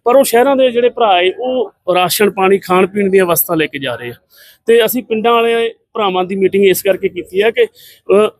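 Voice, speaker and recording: A man's voice: high-pitched, animated, a little fast, no echo. A middle-aged man giving a combative, scornful press statement full of rhetorical questions. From Punjab, India. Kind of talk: impassioned political statement to press.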